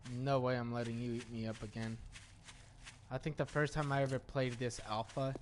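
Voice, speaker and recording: A man's voice: mid-range voice, little pitch movement, moderate pace. Rambling man streaming a game. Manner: rambling, stammers and restarts. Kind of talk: casual gameplay commentary. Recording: loud game noise underneath.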